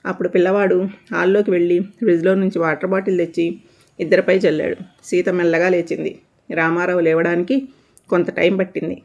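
A woman telling a scripted comic family story in a steady, measured read. Her voice sits lowish and stays flat, with little melodic movement. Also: highs cut off.

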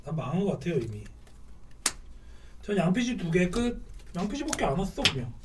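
A man's voice: sits high, big pitch swings, fairly quick, a bit bright. A man hosting a casual board game session, chatty and self-mocking as he plays and explains the rules. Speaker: board game channel host. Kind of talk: casual chat while playing a board game. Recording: distant mic with faint noise.

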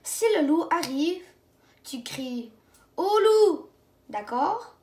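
A woman's voice: high voice, animated, a little slow. A woman reading a storybook aloud, voicing a playful male shepherd in a children's show who announces things theatrically. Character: friendly stage shepherd, man, playful. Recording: roomy echo.

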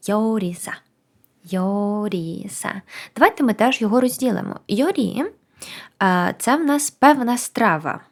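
A woman teaching a language lesson, counting down before each new word and repeating it slowly. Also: medium pitch. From Ukraine.

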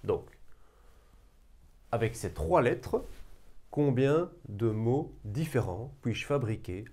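Male math teacher in a classroom lesson, animated pitch, unhurried delivery, coaxing students along. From Belgium. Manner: lively, coaxing, talks to students directly.

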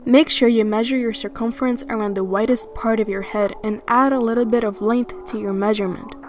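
A woman's voice: on the high side, steady tone, fairly quick. A young woman giving frank, chatty advice while speaking through a costume head. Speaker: fursuit maker. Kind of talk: casual tutorial talk. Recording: music playing underneath.

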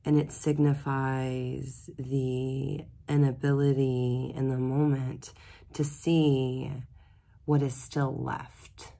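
A woman who is losing her voice, speaking hoarsely and reflectively as she gives a daily tarot reading. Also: a bass voice, flat delivery, takes it slowly, warm tone. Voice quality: gravelly, husky voice. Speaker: tarot reader.

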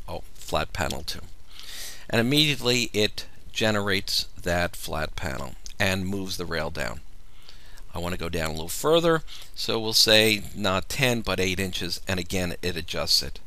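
A man giving a measured, step-by-step software tutorial as a voice-over. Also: low-pitched. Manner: measured, explanatory walkthrough. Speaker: software demonstrator. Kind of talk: screen-recorded software tutorial.

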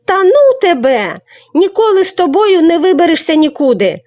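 A woman voicing an impatient, bossy village boy who shouts at his friends. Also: high-pitched, huge pitch swings, normal speed, pitched above the performer's own voice, heavily acted. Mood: shouting eagerly. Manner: shouting, eager. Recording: dull lo-fi recording.

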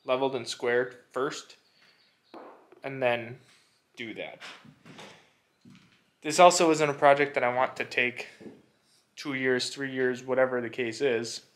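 A man's voice: medium pitch, a bit bright. A man vlogging a do-it-yourself barn renovation, talking to camera in a casual, unsure way and thinking aloud as he goes. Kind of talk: casual walkthrough talk to camera. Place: inside an old barn.

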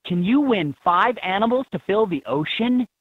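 Speaking in a mid-range, husky voice, a woman reads scripted lines as the upbeat guide of a kids' game. She's expressive and keeps a moderate pace, captured dry on dull-sounding toy audio.

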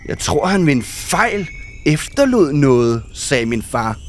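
High-voiced excitable man commenting on a game. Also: a little hiss or hum. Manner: excitable, reads game text aloud, drops in English game words. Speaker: gaming YouTuber.

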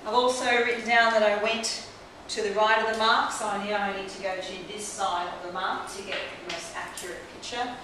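Working on a client in a small clinic, a female trichologist in her forties walks through her technique step by step. Her delivery is fairly quick with almost no pauses, at a medium pitch that barely moves. Captured by a camera mic across the room, the sound is echoey with clear hiss underneath.

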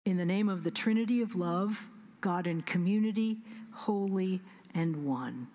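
A middle-aged woman with a Midwestern American accent delivers a sermon from the pulpit. Her voice sits a little low and sounds breathy, and she leans into slow, deliberate emphasis with some soft near-whispers. The sound carries the long reverb of a large sanctuary. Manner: measured preaching with slow emphatic pauses, soft whispered asides. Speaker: senior pastor. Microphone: pulpit stand mic.

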